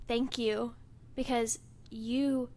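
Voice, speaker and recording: Casting: young woman co-host, slightly high voice, giggly and quieter. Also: little pitch movement, extremely slow. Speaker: podcast co-host, salon owner. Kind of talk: casual chat.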